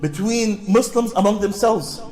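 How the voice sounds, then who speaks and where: A high-voiced man gives an unhurried public talk to an audience, repeatedly posing questions, answering them himself, and drawing responses from the crowd. He often repeats words and restarts sentences, while soft music plays faintly beneath him.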